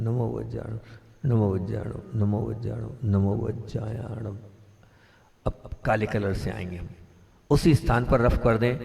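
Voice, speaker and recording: A man, a Jain monk, guiding a mantra meditation class with slow, repetitive instructions and hushed chanting. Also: fairly low pitch, in a large hall.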